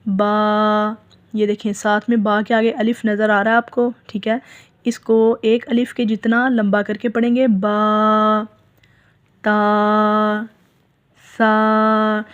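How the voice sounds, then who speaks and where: Slow, careful female recitation teacher. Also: mid-range voice, lo-fi sound. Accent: Urdu. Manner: drawn-out letter sounds, firm and instructive. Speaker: Quran reading teacher. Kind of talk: slow step-by-step recitation lesson.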